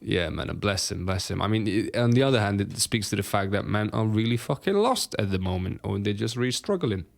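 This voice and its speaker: Young man, podcast co-host, swears a lot, laughs often, very expressive intonation. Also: on the low side, fairly quick, vocal fry, hardly any pauses. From Romania. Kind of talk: casual chat.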